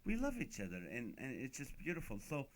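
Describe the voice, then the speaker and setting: A man's voice: medium pitch, brisk. A middle-aged man, a guest comedian, telling funny stories on a talk show and acting out the voices of the people in them. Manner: animated comic storytelling, acts out quoted voices.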